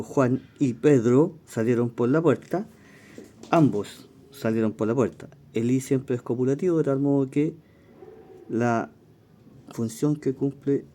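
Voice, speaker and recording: A man's voice: mid-range voice, a little slow, mellow, slight background noise. A man walking colleagues through exam questions, explaining as he goes and correcting himself aloud. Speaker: language teacher. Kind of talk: exam walkthrough lesson.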